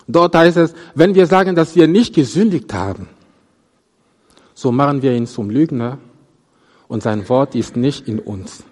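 Slow halting male preacher in a hall. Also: on the high side, darkish tone. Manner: halting, with repeated restarts and stammers; voice rises on quoted verses and drops at phrase ends. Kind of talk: sermon on a Bible passage.

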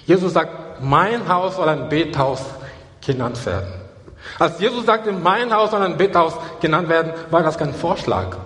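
Emphatic preacher with a ringing hall echo. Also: male voice, a little high, animated, normal speed, fairly bright tone. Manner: emphatic, repeats key phrases. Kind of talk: sermon. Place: church.

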